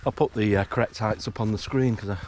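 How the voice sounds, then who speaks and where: A hiking vlogger narrates his morning walk through the countryside, casual and relaxed yet hesitant and full of fillers. His lowish voice is a bit croaky from just waking up, and he talks fast. Animals and rural outdoor sounds surround him, along with a little hiss or hum.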